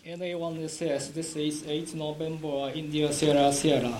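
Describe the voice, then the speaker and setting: A slightly high-voiced man comes through a radio receiver, calling in formal ham radio style. He spells out call signs in measured phrases. The reception is echoey, with a steady hiss behind him. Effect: heard over a radio receiver. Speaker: radio control operator.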